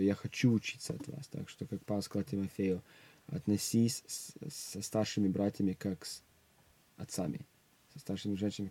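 A young adult man appears as a guest youth minister in a religious interview, speaking earnestly and frequently restarting his words. His voice is lowish, mellow and breathy, in a dry recording.

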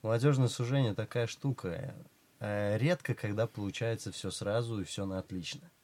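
Very deep-voiced man giving measured advice. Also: fairly even intonation, a little mellow. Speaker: guest pastor. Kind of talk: religious interview talk.

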